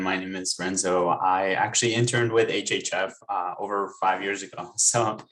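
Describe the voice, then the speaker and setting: A young man raised in Maryland, United States, speaks with a lowish, somewhat bright voice, and the audio is poor. He talks on an online panel, then earnestly reads a book excerpt aloud over a video call.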